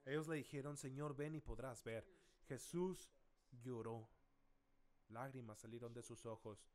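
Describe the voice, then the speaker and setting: A man pastor preaching a sermon in a church, dramatic, dropping soft and slow then rising to loud calls. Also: medium pitch.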